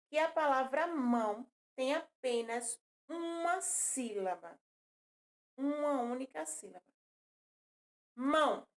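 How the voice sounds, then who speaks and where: A woman teaching a children's lesson, patiently repeating words and counting syllables aloud. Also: sits high. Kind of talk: recorded classroom lesson for children.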